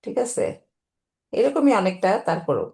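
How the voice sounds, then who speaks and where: A woman's voice: mid-range voice, sing-song, unhurried, vocal fry, dark tone. A woman teaching a Quran reading class over a video call, explaining patiently and often checking with students whether they follow. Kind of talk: online class lesson.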